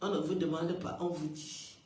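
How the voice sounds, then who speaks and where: A woman's voice: low-pitched, flat delivery, normal speed, far from the mic. A woman talking casually on a live stream, chatty and emphatic, often repeating her phrases. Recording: echoey room, away from the mic.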